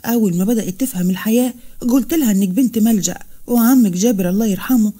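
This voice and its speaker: A woman's voice: medium pitch, fast, dark tone, husky, natural voice. Woman reading a bitter, greedy older woman. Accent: Egyptian Arabic. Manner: blunt and scornful.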